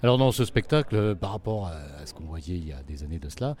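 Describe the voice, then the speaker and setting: A man's voice: deep voice, expressive, quick pace, darkish tone. A man interviewing a circus artist, asking long questions with many hesitations.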